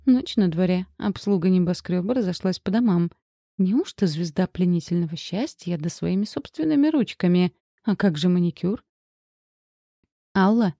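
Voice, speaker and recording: A woman reading an audiobook in an even, wry storytelling manner. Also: on the low side, moderate pace, creaky, dry recording, studio quality. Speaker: audiobook narrator. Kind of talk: scripted narration.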